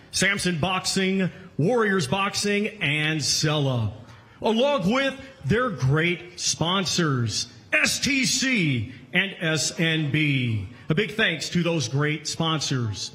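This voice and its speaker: High, booming male boxing ring announcer. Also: sharp tone. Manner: booming, formal showman delivery with drawn-out names. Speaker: ring announcer and event host. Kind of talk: boxing ring announcer introductions to a live event.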